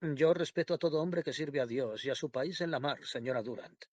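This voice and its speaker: A man's voice: on the high side, a little fast, darkish tone, no room sound, lightly acted. A man voicing a stiff, dogged middle-aged country vicar in an audiobook.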